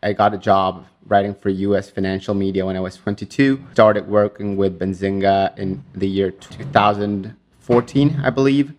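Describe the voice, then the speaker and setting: Argentine man, low voice, energetic interview guest. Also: normal speed. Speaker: guest, media executive. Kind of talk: interview conversation.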